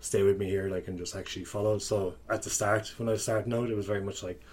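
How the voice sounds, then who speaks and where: A man's voice: fairly low pitch, fairly even intonation, fast talker. A thirty-year-old man with a strong Kerry accent from the west of Ireland, chatting candidly and ramblingly as a coach on a podcast. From County Kerry, Ireland. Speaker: podcast guest, sports coach. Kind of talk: casual podcast conversation.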